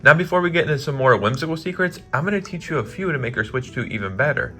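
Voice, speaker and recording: A man talks through console tips in a casual vlog, his voice bright and forward. He is upbeat and chatty, leaning on "like" and poking fun at his own slips. Soft music plays faintly behind him. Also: a little high, lively intonation, fast talker. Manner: upbeat and chatty, heavy use of "like"; self-deprecating, laughs at own slips. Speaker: gaming YouTuber.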